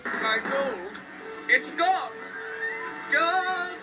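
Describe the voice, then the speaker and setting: A man's voice: extremely high pitch, huge pitch swings, extremely slow, voice pushed up, exaggerated voice, rough recording. A man voicing a vain, hysterical villain prince in a storybook read-along, theatrical and gloating, with music behind him. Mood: panicked.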